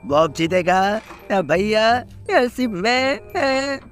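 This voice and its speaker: High-voiced excitable gaming host. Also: male voice, slow, faint music behind. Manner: excitable, chummy, teasing. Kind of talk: playful gameplay banter.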